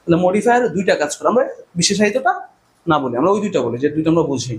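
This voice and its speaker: Male teacher, high animated voice, classroom drill style, faint room noise. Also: rapid-fire. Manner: repeats questions and answers in a drilling call-and-response. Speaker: English grammar teacher. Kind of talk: classroom lecture.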